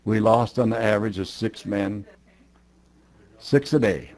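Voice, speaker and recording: A man's voice: lowish voice, a little slow, a little mellow. An elderly American man, a war veteran, recalling service in a matter-of-fact, understated way. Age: older, 80s. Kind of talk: interview recollection.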